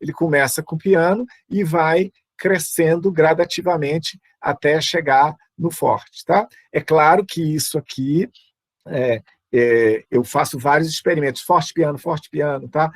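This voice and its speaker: Over a video call, a man who speaks Brazilian Portuguese teaches music in a chatty style packed with fillers and asides. His voice is fairly high, steady and unhurried, and the recording has no echo.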